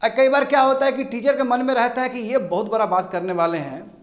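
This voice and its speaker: Guy teaching a class, higher voice, keeps throwing questions at students, echoey room. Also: a little fast. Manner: animated, asks students rhetorical questions. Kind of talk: classroom lecture.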